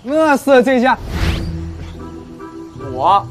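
A man's voice: very high voice, very animated, drawn-out words, heavily acted. An actor playing a boastful, easily flustered young man in a TV drama. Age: young adult. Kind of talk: TV drama acting. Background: music.

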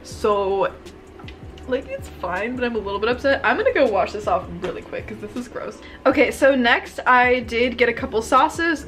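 A woman's voice: on the high side, fairly bright tone, slight background noise. A young woman in her twenties talking casually to camera in her bedroom, bubbly and gushing, with lots of "like" and "um". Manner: bubbly, chatty, gushing, frequent "like" and "um". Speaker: vlogger. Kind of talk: casual haul video.

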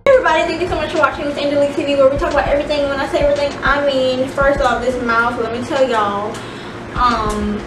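A woman's voice: high voice, quick pace, over music. A young woman chatting casually to camera with sassy, profane slang, her speech muffled and slurred as if her mouth were stuffed with gauze. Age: young adult. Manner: sassy, animated. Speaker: YouTube advice host. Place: indoor studio with plain backdrop. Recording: roomy, distant mic with clear noise.

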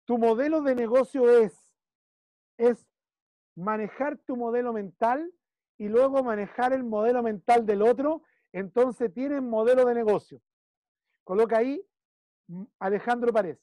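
A man's voice: very high-pitched, measured pace, pauses often, warm tone, no echo. A man with a Chilean accent coaching a client one-on-one, emphatic and repeating key phrases while he checks in. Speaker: business consultant.

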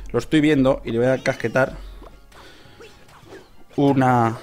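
A man from Spain giving casual gameplay commentary, excitable, shouting at the game, cursing and laughing as he plays. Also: mid-range voice, measured pace, soft background music. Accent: Spain Spanish. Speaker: gaming youtuber.

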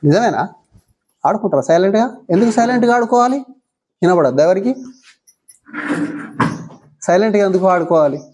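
A woman's voice: mid-range voice, expressive, brisk, long pauses, dark tone. A woman with a Telangana Telugu accent teaching young schoolchildren in a classroom, coaxing them with many short questions. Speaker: visiting mindfulness teacher.

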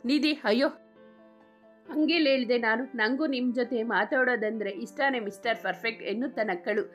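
A woman's voice: on the high side, fairly quick, faint music behind, close to an everyday voice. A woman reading the lines of a shy, devoted young woman in a story, speaking playfully.

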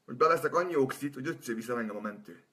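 A man on a live stream, boisterous and swearing, who turns soft and sentimental in his farewells. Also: mid-range voice, animated. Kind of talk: rambling live-stream monologue.

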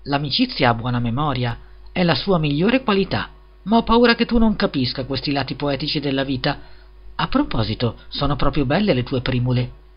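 A man's voice: medium pitch, very animated, brisk, husky. Man voicing a greedy, preachy fairy-tale miller. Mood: affabile. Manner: wheedling, preachy. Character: greedy, self-serving, smooth-talking male miller. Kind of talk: storybook reading. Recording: slightly dull lo-fi recording.

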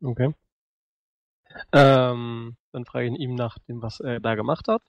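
A man's voice: mid-range voice, fairly even intonation, measured pace, vocal fry, no room sound. Terse male player, muffled sound. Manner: terse, pointed questions. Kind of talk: tabletop role-play, interrogating in character.

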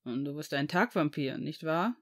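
A reader voicing a calm, serious young male centaur in a fan audiobook, speaking gravely and unhurried. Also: mid-range voice, voice pushed down. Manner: calm, grave, slow-spoken.

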